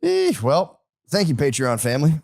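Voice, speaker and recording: A man in his thirties hosting a podcast, chatting in a laid-back, excitable way full of slang. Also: fairly high pitch, moderate pace, creaky, dry recording, studio quality. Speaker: podcast host. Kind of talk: casual chat.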